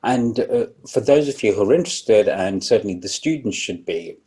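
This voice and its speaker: A man's voice: on the low side, expressive, normal speed, warm tone, breathy edge. A man giving a public lecture, explaining plainly with frequent ums and restarts, with a throat lozenge in his mouth. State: coughing, sucking a throat lozenge.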